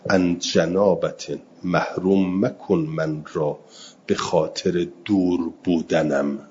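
A man teaching a religious lesson, reading Arabic text slowly and then explaining it quickly in colloquial Persian. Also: low-pitched, steady tone, darkish tone, dull audio, a little hiss or hum. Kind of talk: seminary lesson explaining Quranic grammar.

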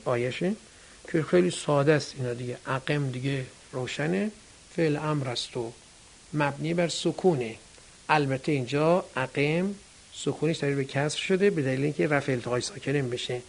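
A man's voice: a little high, gravelly. A male teacher giving a grammar lesson, asking questions and answering them himself, speaking directly to his students.

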